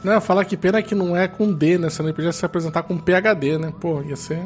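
Give me a lively Brazilian co-host reading comments, a bit high-pitched, with quiet music behind. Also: male voice, fast. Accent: Brazilian Portuguese. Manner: lively, laughs often, reads comments aloud. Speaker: podcast co-host. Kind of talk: casual podcast chat.

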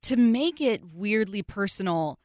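A woman's voice: medium pitch, animated, unhurried, a little mellow, no room sound. A woman sports reporter co-hosting a talk show, chatting in a wry, conversational way on a studio mic.

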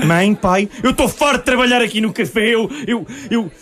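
Brief: man playing an awkward, stammering son, fairly high voice. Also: fairly quick, a bit bright. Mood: earnest. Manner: hesitant, stammering. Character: awkward hesitant young adult son.

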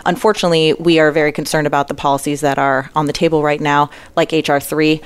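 A woman representing an industry association speaks in a measured, prepared manner. Her voice sits low and stays fairly level throughout, with small filler pauses between points. It is a panel-style interview answer. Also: level tone, smooth, dry recording. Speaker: trade association leader.

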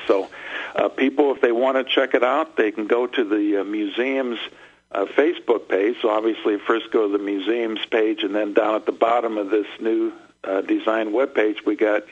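Husky man on dull radio audio. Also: lowish voice. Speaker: interview guest, museum event interviewer. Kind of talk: conversational radio interview.

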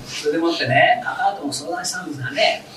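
A man playing an eager, rough-spoken young father in a comic story, heard from afar in a roomy, noisy hall. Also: a little high, quick pace, far from the mic, close to an everyday voice.

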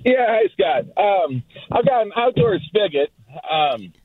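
A man on a radio call-in line, his voice coming through thin and tinny like a phone. He talks a little higher than most men and sounds dry and close, hesitating with fillers as he lays out his problem. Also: very animated, takes it slowly, slightly rough, no echo. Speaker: radio show caller. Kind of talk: call-in question.

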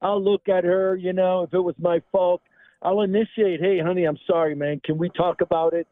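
A man's voice: high voice, flat delivery, moderate pace, no room sound. Earnest 60-year-old man over the phone. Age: 60s. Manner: earnest, heartfelt. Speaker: caller. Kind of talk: call-in radio chat. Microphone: telephone. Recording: tinny phone line.

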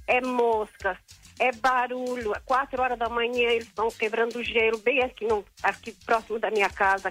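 Older São woman on a phone line, a fairly high-pitched caller who pleads and repeats herself. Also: a bit bright. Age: 60s. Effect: heard over a phone line. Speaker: caller to a radio show.

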